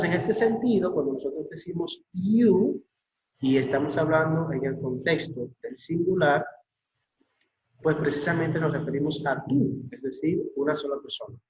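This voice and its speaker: A male teacher gives an English lesson at an unhurried, deliberate pace, repeating each word for his students. His voice sits a little high for a man. The audio is dull and lo-fi, with a noticeable echo around him. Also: darkish tone, slight background noise. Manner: slow and repetitive, drilling words with many fillers. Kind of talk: classroom lesson video. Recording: echoey room, dull lo-fi audio.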